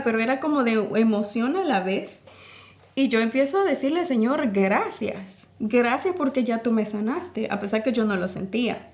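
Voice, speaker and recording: A woman's voice: on the high side, darkish tone. A woman with a Salvadoran accent, a podcast guest earnestly telling a personal faith testimony and acting out the dialogue of the scenes she retells. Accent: Salvadoran Spanish.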